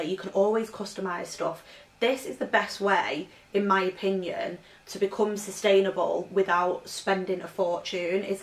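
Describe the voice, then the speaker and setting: A woman chatting through a vintage clothing haul at home, rambling and filling her talk with "like". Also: medium pitch. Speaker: fashion vlogger. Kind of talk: casual vintage haul vlog. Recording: roomy echo, voice from off-mic.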